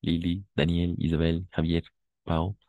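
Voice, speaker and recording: Low, mellow-voiced male teacher drilling. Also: level tone, no echo. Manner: repeats phrases slowly, drills pronunciation; checks in often with students. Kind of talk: online language lesson.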